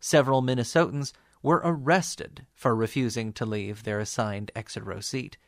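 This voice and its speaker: A man's voice: medium pitch, moderate pace, no room sound, studio quality. A man delivering scripted documentary narration as the narrator.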